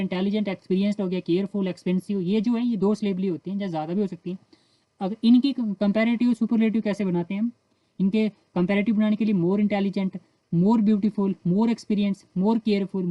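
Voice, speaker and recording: A woman with an Indian accent teaching English grammar in Hindi. She explains the rules step by step and reads the English example sentences slowly. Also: medium pitch, no echo, dull audio.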